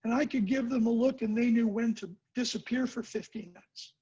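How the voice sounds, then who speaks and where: A husky man on a remote call gives advice in an emphatic way, stopping often to ask "okay?". His connection keeps breaking up, and the dull lo-fi audio cuts in and out. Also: very high voice, steady tone, a little fast, dark tone. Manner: emphatic, repeats words and checks in with "okay?". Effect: audio breaking up and cutting out over a remote call. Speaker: business mentor. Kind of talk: giving advice on a group video call.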